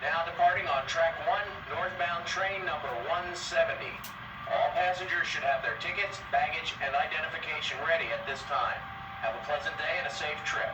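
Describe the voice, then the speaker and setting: Station loudspeaker announcer, a man, echoing. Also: a little high, normal speed, dull audio. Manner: formal, steady announcing. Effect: over a station loudspeaker. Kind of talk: public address announcement. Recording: echoey distant loudspeaker with music.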